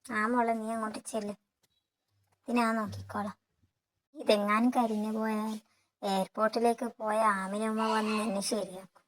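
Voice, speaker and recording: A woman's voice: mid-range voice, level tone, moderate pace, long pauses, lightly acted, poor audio. A woman voicing a kindly sister-in-law who reassures the young wife. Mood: reassuring. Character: kindly older sister-in-law, busy at the stove.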